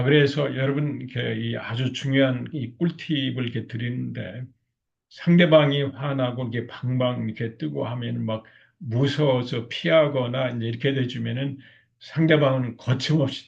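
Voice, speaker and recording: A man's voice: medium pitch, fairly even intonation, moderate pace, vocal fry, a little mellow, highs cut off. A man lecturing on couples communication, often acting out spouses' lines and filling his talk with small fillers. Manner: acts out spouses' lines in quotes; frequent filler words.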